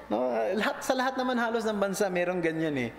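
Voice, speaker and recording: A man's voice: animated, fast talker, creaky. A man preaching a sermon as pastor, switching between Tagalog and English and lifting and dropping his voice to stress points. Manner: mixes Tagalog and English, rises and drops pitch for emphasis. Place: church sanctuary. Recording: echoey church hall with faint noise.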